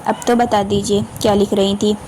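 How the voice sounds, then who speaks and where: Woman reading as a tender young husband, soft and teasing. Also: medium pitch, level tone, moderate pace, slight background noise, natural voice. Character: gentle young romantic husband. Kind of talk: audiobook character voicing.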